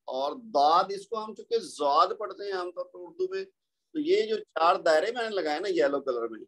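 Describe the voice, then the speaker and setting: A man's voice: high voice, fairly bright tone. A man teaching a Quran recitation class over a video call, patiently explaining and drawing out letter sounds. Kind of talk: online class lecture. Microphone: computer mic on a video call.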